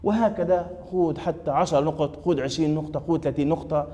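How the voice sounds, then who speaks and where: A male math teacher with a Libyan Arabic accent runs a classroom lesson, firing questions at students and repeating their answers. His voice is dark and mellow, a little high for a man, and he talks fast. A long echo hangs in the room. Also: steady tone, slight background noise.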